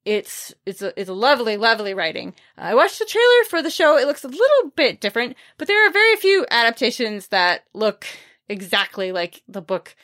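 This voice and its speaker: Her voice sits a little high and a bit bright, swinging widely in pitch as she talks fairly quickly. She's a podcast host chatting informally about books she recommends, with dry, understated humor on the side.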